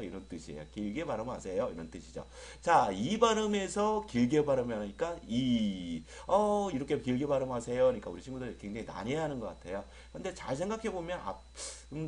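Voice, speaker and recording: Lively man teaching English vowels. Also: mid-range voice. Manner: repeats English words slowly with drawn-out vowels; addresses students as friends, jokes lightly. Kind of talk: online lecture.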